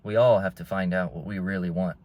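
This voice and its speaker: A man's voice: low voice, fairly even intonation, brisk, a little mellow, no echo. A young man vlogging from inside a car, rambling in a laid-back way and calling his listeners bro. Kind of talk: casual rambling monologue.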